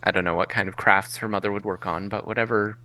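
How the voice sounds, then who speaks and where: Male game master, low and crisp, easygoing scene narration for a tabletop game. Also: fast talker. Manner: relaxed, descriptive, thinks aloud.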